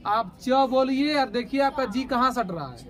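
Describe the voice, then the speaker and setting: A man's voice: very high-pitched, lively intonation, normal speed. A man teaching a grammar lesson to a class, asking the students questions and answering them himself, and drawing out letters as he sounds them. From India.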